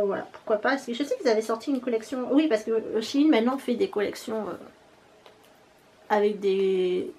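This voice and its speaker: Chatty French woman with a high voice. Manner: chatty, rambling, laughs at herself, hesitant fillers. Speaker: beauty vlogger. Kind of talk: casual haul vlog.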